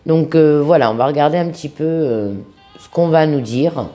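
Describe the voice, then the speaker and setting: A woman with a sick-sounding voice giving an informal tarot reading to viewers, speaking familiarly and affectionately, with halting pauses. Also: deep voice, warm tone, faint music behind. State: sick-sounding voice, under the weather. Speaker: tarot reader, host of a video channel.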